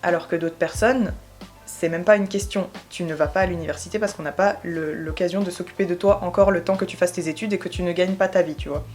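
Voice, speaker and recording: A young woman from Switzerland, explaining her views in a casual vlog, pausing often with fillers. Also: lowish voice, steady tone, darkish tone, soft background music. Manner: thoughtful, hesitant, many fillers. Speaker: YouTuber.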